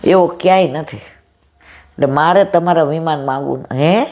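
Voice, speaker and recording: A middle-aged woman with a loud, powerful voice, giving a devotional storytelling discourse and acting out the dialogue in her stories. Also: low-pitched, a little slow. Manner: retells stories with quoted dialogue. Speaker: satsang speaker.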